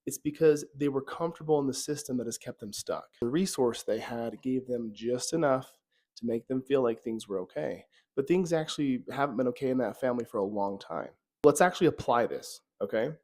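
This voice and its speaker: A man's voice: medium pitch, darkish tone. A man hosting a self-help video as a therapist, telling a story in an earnest, conversational way with occasional stammers.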